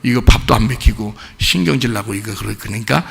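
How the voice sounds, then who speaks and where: A male pastor preaches in a church sanctuary. His voice is gravelly and bright, and his pitch swings widely as he keeps asking the congregation questions. The long reverb of the hall trails after every phrase. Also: brisk. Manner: animated, questioning the congregation, colloquial. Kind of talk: sermon.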